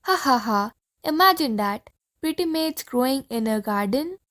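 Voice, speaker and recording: A woman's voice: high-pitched, animated, moderate pace, a bit bright. A woman reading the part of a giggly, playful young Martian crew member in an audiobook play.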